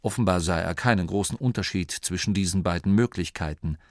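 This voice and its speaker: A man reading a storybook aloud as narrator, in an expressive, measured way. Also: low-pitched, dry recording. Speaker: audiobook narrator.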